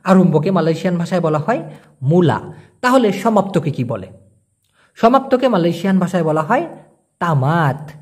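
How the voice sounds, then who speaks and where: A young man giving a casual spoken language lesson, explaining patiently and repeating each word slowly. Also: high-pitched, big pitch swings, slightly rough. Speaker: language teacher.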